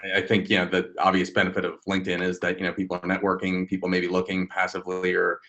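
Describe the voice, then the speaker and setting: A man with a very low voice co-hosts a live webinar. He explains ideas in a measured, thoughtful way over a video call. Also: monotone, bright, forceful tone. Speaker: webinar co-host.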